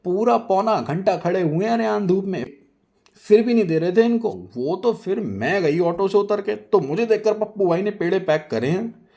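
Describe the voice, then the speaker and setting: A man voicing a loud, rude and boastful woman who scolds and taunts everyone in a storybook tale. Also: on the high side, expressive, moderate pace, pitched above the performer's own voice. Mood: taunting.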